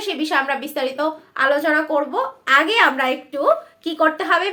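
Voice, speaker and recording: A woman teacher giving a patient spelling lesson at a board, repeating each word slowly for her learners. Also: high-pitched, sharp tone, echoey room.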